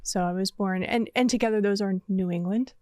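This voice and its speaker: A woman's voice: medium pitch, fairly quick, darkish tone, no room sound. A middle-aged woman from Vermont, a church mission director, answering interview questions in careful, detailed explanations. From Vermont, USA. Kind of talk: conversational interview.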